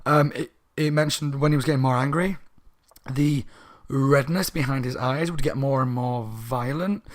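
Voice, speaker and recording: A man's voice: medium pitch, normal speed. Tipsy man rambling a book review. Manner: rambling, tipsy, self-correcting.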